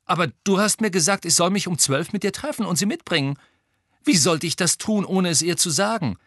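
A man's voice: mid-range voice, expressive, unhurried, fairly bright tone, slightly rough, no echo, clean studio sound, voice pushed up. A man reading an audiobook, voicing an indignant, flustered teenage boy wizard who stammers when upset.

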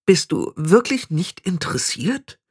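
A man's voice: very animated, a little fast, dry recording, studio quality. A man doing a vain young witch girl. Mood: proud, anxious. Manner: high, boastful, near tears.

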